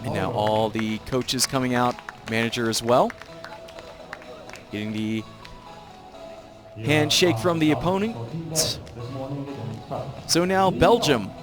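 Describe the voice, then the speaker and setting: An American play-by-play announcer, a native English speaker, calls a baseball game live from an outdoor ballpark, carefully reading the lineups and apologizing for how he pronounces the names. His voice is medium-pitched and slow, with long pauses and music behind him.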